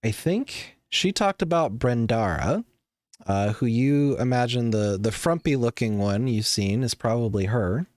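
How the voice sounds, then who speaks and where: A man narrating as game master, unhurried and filling pauses with ums and uhs. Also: medium pitch, dry recording, clean studio sound. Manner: relaxed, hesitant, with many fillers.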